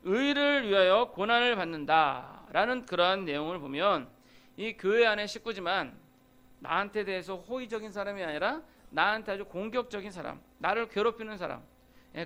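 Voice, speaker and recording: Male pastor, high voice, chatty sermon delivery that slips into acted-out everyday complaints. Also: fairly bright tone. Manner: conversational, acts out quoted grumbles. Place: church sanctuary.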